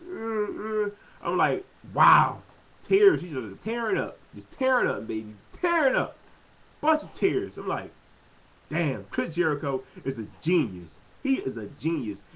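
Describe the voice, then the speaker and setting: An animated man talks through his take on a wrestling episode in a casual, off-the-cuff vlog. His voice sits a little on the high side for a man, and he keeps breaking into excited exclamations. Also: low-quality recording. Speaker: wrestling fan vlogger. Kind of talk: casual commentary.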